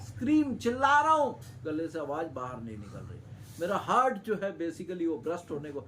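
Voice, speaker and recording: A male teacher who reads lines from a lesson slowly and explains them with dramatic swings in pitch and loudness. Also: slight background noise, rough recording.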